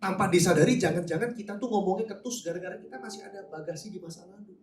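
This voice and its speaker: A male pastor preaches in a lively, conversational way with a fairly high voice. The sound is roomy and echoey, picked up from some distance away in a large church hall, with a faint hiss underneath. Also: quick pace. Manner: conversational, animated preaching with asides to the congregation. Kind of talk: sermon.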